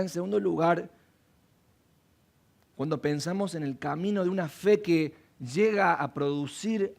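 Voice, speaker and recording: A man's voice: high-pitched, vocal fry, darkish tone. A man preaching a sermon as pastor of a church, asking the congregation question after question.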